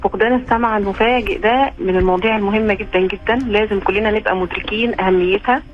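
A woman's voice: medium pitch, steady tone, racing, dull audio, soft background music. A female doctor with an Egyptian Arabic accent, giving explanations as a radio guest and checking that her listener follows along. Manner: explanatory, checks understanding with "okay?".

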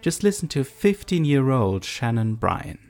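A man's voice: mid-range voice, very animated, unhurried, darkish tone, soft background music. A man presenting scripted documentary narration, explaining things and addressing the listener directly. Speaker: host, narrator.

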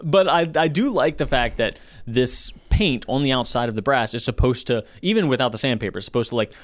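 A man co-hosting a casual podcast chat, getting animated and jumping up in pitch when excited. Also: a little fast, no room sound. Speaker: podcast co-host.

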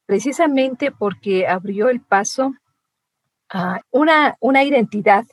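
A woman's voice: a little high, animated, a little slow, no room sound. A woman from Latin America with a Latin American Spanish accent, co-interviewing with long, thoughtful questions.

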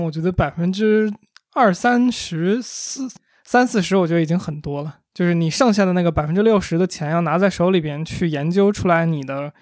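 A man's voice: high-pitched, no room sound, clean studio sound. A man co-hosting a casual conversation, reasoning through points analytically with examples. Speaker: podcast co-host.

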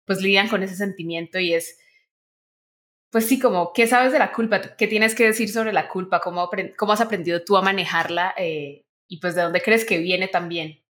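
A woman's voice: mid-range voice, moderate pace, fairly bright tone. Woman, podcast host, asking questions, supportive. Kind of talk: interviewing, casual.

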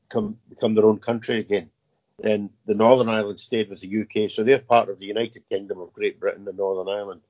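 A man in his fifties speaks in a fairly low voice, pausing often and repeating words as he answers questions. The audio is muffled and lo-fi, as on a remote interview recording. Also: darkish tone. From Scotland. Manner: halting, repeats words, many "uh" fillers. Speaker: guest, army veteran. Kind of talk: casual interview.

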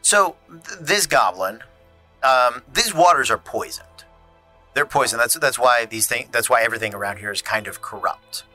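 A man's voice: mid-range voice, animated, moderate pace, bright, forceful tone, soft background music. A man narrating a tabletop game as game master, easygoing and full of restarts. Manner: loose, easygoing, many restarts.

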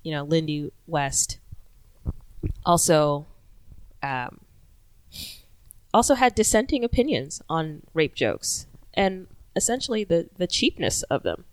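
A woman's voice: low-pitched, sing-song, slow pace, pauses often, dry recording. A woman whose first language is not English, co-hosting a casual chat and making sarcastic asides.

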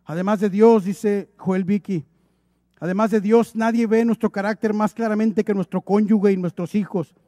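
High-voiced man preaching emphatically. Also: fairly even intonation, moderate pace, warm tone, no echo, studio quality. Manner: emphatic, exhorting, with humorous acted asides. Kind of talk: sermon.

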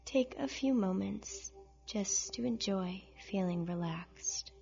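A woman narrating a scripted guided relaxation in a soft, breathy near-whisper, with gentle, soothing instructions and pauses. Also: medium pitch, highs cut off. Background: soft music.

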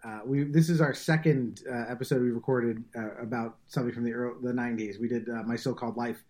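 A man's voice: medium pitch, fairly even intonation, quick pace, darkish tone. A man hosting a podcast, chatting casually about a film with frequent restarts.

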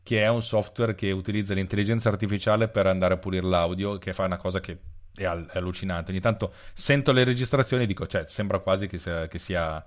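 A man's voice: deep voice, fairly even intonation, fast talker. A man talking as a programmer guest on a podcast, explaining things freely with frequent restarts. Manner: talks freely with restarts and trailing off. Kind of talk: casual conversation.

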